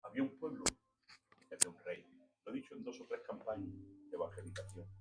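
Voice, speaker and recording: A man with a Spanish accent preaching a sermon in a church, fervent, swinging from hushed storytelling to loud shouting. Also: low-pitched, brisk, reverberant, far from the mic, very noisy.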